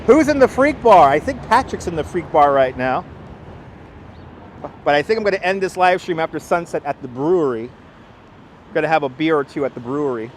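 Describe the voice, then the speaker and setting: This Brooklyn-accented local guide, his voice on the high side and expressive, chats and rambles to his live-stream audience outdoors by the sea. His speech stays clear and deliberate over the street noise picked up by a wireless lavalier.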